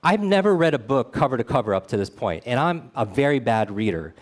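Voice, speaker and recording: A man delivers a motivational talk built around a personal story. His voice sits at an ordinary middle pitch. He speaks earnestly and keeps turning to the audience with quick questions. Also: very animated. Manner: earnest, speaks straight to the audience with frequent "right?". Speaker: speaker at a meetup.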